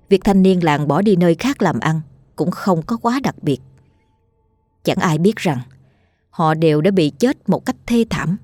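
Woman reading a spooky story, low husky voice, calm and hushed. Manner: steady, hushed late-night storytelling. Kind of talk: scripted ghost story narration.

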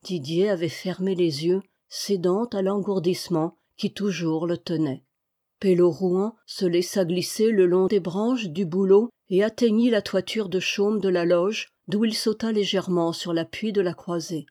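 A woman reading a novel aloud with steady, expressive narration. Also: on the low side, moderate pace. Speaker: audiobook reader.

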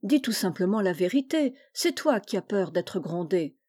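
A woman's voice: mid-range voice, very animated, normal speed, a little mellow, slightly rough, no room sound, studio quality. A woman voicing a blunt, bossy young boy in a storybook reading. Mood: scolding. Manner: blunt, scolding. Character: bossy, teasing young boy, her brother.

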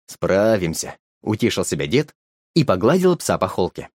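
A man narrating a storybook in a lively, expressive reading. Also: on the low side, brisk, breathy edge, dry recording, studio quality.

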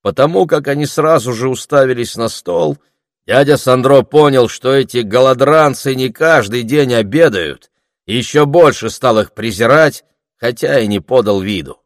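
A man narrating an audiobook in a calm, even storytelling manner. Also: mid-range voice, normal speed, no echo, clean studio sound. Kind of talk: scripted narration.

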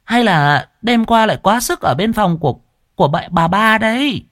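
Simpering young wife, voiced by a man, coy, pitched way up. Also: expressive, normal speed, a bit bright, no room sound, clean studio sound.

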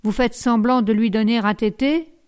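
A woman reading the lines of a gruff, suspicious hospital midwife in a storybook, curt and reproachful. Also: a little high, fairly even intonation, normal speed, darkish tone, close to an everyday voice.

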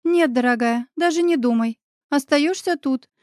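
A lively, caring young woman friend, voiced by a woman reading an audiobook. She talks briskly and decisively in a high, bright register, and the sound is dry and close. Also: no room sound, natural voice. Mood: firm. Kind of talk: audiobook character voice.

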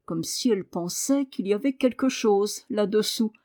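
A woman's voice: medium pitch, normal speed, a little mellow, natural voice. A woman voicing a curious, watchful young girl in an audiobook, observant.

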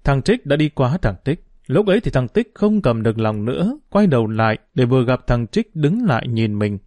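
A man narrating a novel as an audiobook in a steady, measured way. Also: mid-range voice, dry recording. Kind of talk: novel reading.

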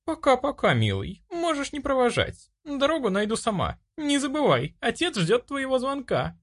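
A man's voice: extremely high pitch, huge pitch swings, normal speed, a bit bright, voice pushed up, full character voice. A man voicing a brash, self-assured young woman in an audiobook, bossy and pushy. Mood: teasing.

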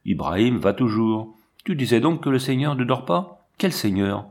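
A man voicing a blunt, sturdy soldier who speaks in a calm, curt, matter-of-fact way. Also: medium pitch, normal speed, close to an everyday voice.

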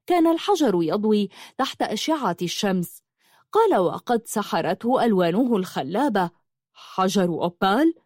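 A woman reading a novel aloud in steady, dramatic storytelling narration. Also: medium pitch, dry recording, clean studio sound. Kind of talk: audiobook narration.

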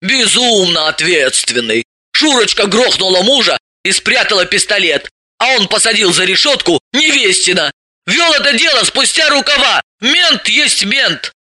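A man's voice: sits high, sing-song, normal speed, bright, forceful tone, no echo, pitched above the performer's own voice, exaggerated voice. A man voicing a bossy, sardonic woman who gives orders and mocks. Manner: commanding, mocking.

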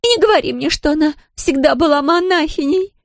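A woman's voice: lively intonation, fairly quick, dry recording, clean studio sound. A woman reading an audiobook, voicing a drunk, jealous glamorous woman who slurs and shrieks. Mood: drunken shrill. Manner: slurred, shrill, screaming.

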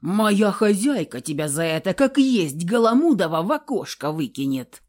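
A woman's voice: lowish voice, sing-song, normal speed, a little mellow. A woman voicing a small, shaggy male house spirit servant who scolds in old-fashioned words, drawn out and wailing, in a storybook reading. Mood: scolding.

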